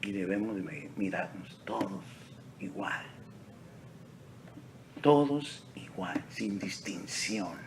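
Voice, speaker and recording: A male pastor preaching a sermon in a church sanctuary, slow and deliberate, dropping to near-whispers and rising to emphatic peaks. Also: sits low, expressive, slight background noise. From Texas.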